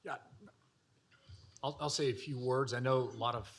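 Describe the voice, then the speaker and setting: A man speaks as a county commissioner at a public meeting, with a mid-range voice. He talks off the cuff in a halting way, often doubling back on words as he looks for the next phrase. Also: medium pitch, fairly even intonation, husky. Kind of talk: extemporaneous remarks at a public meeting.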